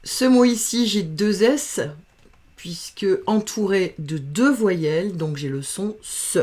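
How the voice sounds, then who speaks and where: A woman teaching reading, patiently sounding out letters and syllables in a slow phonics lesson. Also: mid-range voice, a little mellow.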